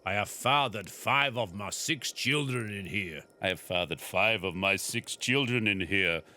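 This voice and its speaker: A gruff, burly Swedish sled-dog musher growls his lines in a thick accent, as a man reading a storybook puts him on. The voice sits low and heavy. It comes across as a bold, comic storybook turn. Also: unhurried, sharp tone. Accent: put-on Swedish.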